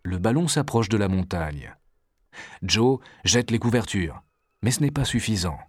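A man narrating a storybook adventure in a measured, expressive reading. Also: on the low side, husky, no echo, studio quality.

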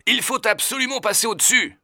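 A man's voice: extremely high pitch, a little fast, pushed and bright, dry recording, studio quality, voice pushed up, exaggerated voice. A man voicing a bold male hunter in a storybook reading, sounding anxious. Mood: alarmed.

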